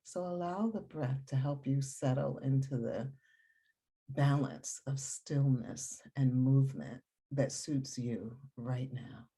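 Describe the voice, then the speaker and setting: With a soft, breathy voice of extremely low pitch, this woman leads a guided meditation. She stays calm and unhurried, soothing the listener and letting long pauses settle between phrases.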